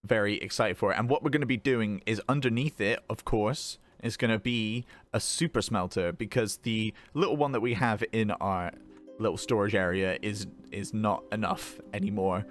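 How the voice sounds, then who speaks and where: A young man giving a relaxed, rambling commentary while playing a building game, with lots of fillers and small laughs. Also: lowish voice, moderate pace, soft background music. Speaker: gaming video host. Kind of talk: casual gameplay commentary.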